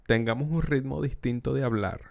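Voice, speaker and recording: A Venezuelan man co-hosting a comedy podcast, playful and teasing, quick to laugh. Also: mid-range voice, fairly even intonation, creaky, darkish tone. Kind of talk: casual chat.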